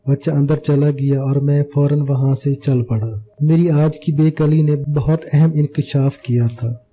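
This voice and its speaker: A man's voice: fairly high pitch, fairly even intonation, unhurried, mellow. A man reading a novel aloud as an audiobook narrator, telling the story steadily and voicing every character himself.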